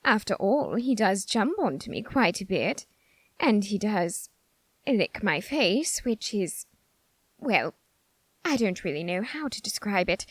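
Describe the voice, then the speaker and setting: A woman muses coyly as a flamboyant, vain, lovestruck reaper in a theatrical audio roleplay monologue. Her medium-pitched voice swings widely in pitch as she draws out words dramatically, with no room sound.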